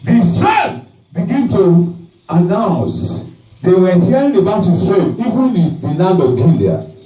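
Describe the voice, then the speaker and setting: Dramatic preacher telling a story. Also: male voice, high-pitched, big pitch swings, measured pace. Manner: dramatic, emphatic, with sudden shouts. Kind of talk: sermon storytelling. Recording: roomy hall, mic at a distance.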